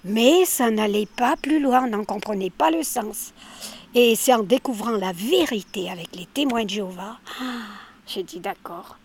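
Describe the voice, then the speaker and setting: With an animated, slightly mellow mid-range voice and a breathy edge, an older woman from France chats at a moderate pace by her garden. She's a villager stopped for a street interview, talkative and emphatic, often repeating herself in this casual roadside talk.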